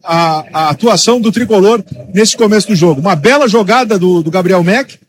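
A male radio pundit analyses a football match live. His voice sits clearly high for a man. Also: fairly quick.

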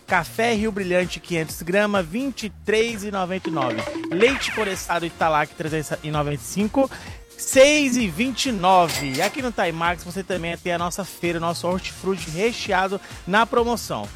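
A Brazilian man with a high-pitched voice works as a supermarket spokesman on the radio. He delivers his promotional pitch like a market barker, listing items and prices one after another over light music. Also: expressive, moderate pace. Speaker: supermarket spokesman reading out offers.

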